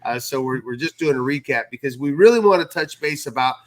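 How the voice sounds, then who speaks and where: A man with a medium-pitched voice and lively intonation appears as guest co-host in a casual recap chat, and he works as a fence contractor. His delivery is halting, and he repeats words.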